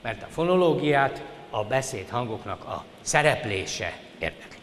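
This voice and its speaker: An older man delivers a formal university lecture in a lecture hall, politely addressing students and stressing his points with emphasis. His medium-pitched, fairly bright voice swings widely in pitch, and the hall's reverb carries a faint hiss.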